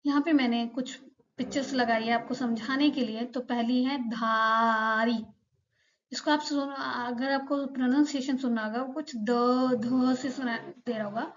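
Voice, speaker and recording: एक महिला शिक्षिका धैर्य से पाठ समझाती है और हर उच्चारण को धीरे-धीरे दोहराती है।. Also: female voice, high voice, steady tone, dull audio. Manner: patient, repeats each sound slowly for learners. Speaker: Korean language teacher. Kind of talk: slow explanatory lesson.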